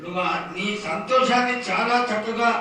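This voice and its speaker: A man's voice: very high voice, normal speed, sharp tone. A man speaking as a priest in ritual supplication, pleading deferentially in long, flowing requests. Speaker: priest questioning and appeasing the oracle. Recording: echoey, distant mic with faint noise.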